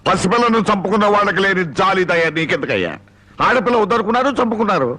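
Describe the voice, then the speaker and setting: A domineering rich village patriarch. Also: male voice, high voice, lively intonation, fast talker, pushed and bright, heavily acted. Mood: scornful. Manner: domineering, threatening. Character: wealthy ruthless village patriarch, older man. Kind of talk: Telugu film drama. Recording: film soundtrack with music.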